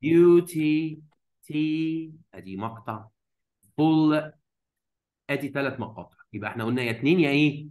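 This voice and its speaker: A man's voice: medium pitch, low-quality recording. A man with an Egyptian Arabic accent teaches an English grammar lesson, switching between Arabic and English and quizzing his students with rhetorical prompts. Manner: stretches out English words slowly when modeling them.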